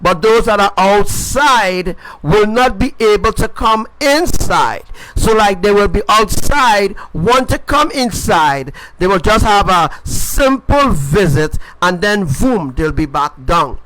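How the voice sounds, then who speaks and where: A man's voice: high voice, animated, slow pace, hardly any pauses, fairly bright tone, a little hiss or hum, rough recording. A man preaching an informal sermon, emphatic and repetitive, often checking in with his listeners. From Caribbean.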